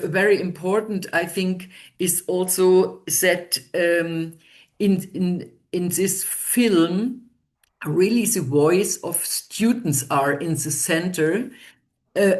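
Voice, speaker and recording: A woman presenting her project in an online webinar, speaking hesitantly with many fillers and restarts. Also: fairly low pitch.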